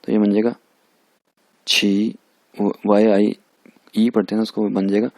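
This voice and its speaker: एक पुरुष शिक्षक, पाकिस्तानी उर्दू लहजे में, जो शब्दों की ध्वनियाँ बार-बार दोहराकर धैर्य से अभ्यास करवाते हैं।. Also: male voice, lowish voice, flat delivery, a little slow, darkish tone, no room sound. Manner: repeats each sound many times, patient and drilling. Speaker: language teacher. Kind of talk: recorded language lecture over slides.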